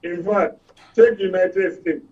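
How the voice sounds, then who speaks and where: A guest commentator with a Nigerian accent shares his opinions in a political discussion, explaining emphatically and repeating points for effect. His high voice has a darkish tone and he takes it slowly, captured in dull, distant studio audio.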